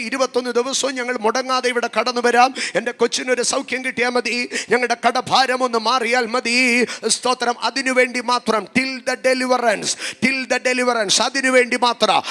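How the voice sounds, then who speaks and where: High-pitched preaching man, bright voice. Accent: Malayali. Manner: repetitive, rising to shouts and speaking in tongues. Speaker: pastor. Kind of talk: sermon.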